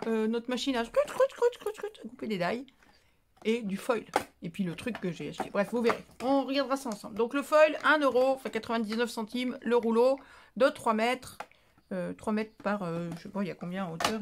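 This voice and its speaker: A woman's voice: fairly high pitch, a little hiss or hum. A woman chatting casually in a craft haul vlog, rambling with fillers and making fun of herself. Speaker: craft vlogger.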